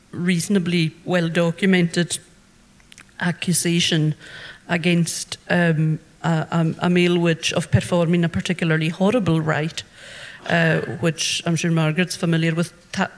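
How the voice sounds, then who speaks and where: A man speaks on a panel in a public hall, choosing his words carefully with hesitant fillers. His voice sits a little high for a man. Long reverb from the hall hangs around each phrase. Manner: measured, thoughtful, with hesitant fillers. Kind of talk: panel discussion at a public event. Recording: hall reverb from a live talk.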